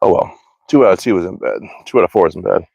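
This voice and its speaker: A deep-voiced American man talks fast with vocal fry and a darkish tone, rambling in casual slang on a livestream. He's a hobby archer hosting the stream from a backyard archery range outdoors. The recording is dry, with the highs cut off.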